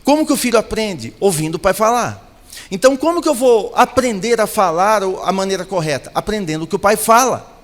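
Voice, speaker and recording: A man's voice: high-pitched, lively intonation, fairly quick, big-room sound. A man preaching a sermon as pastor, building to emphatic, repeated declarations.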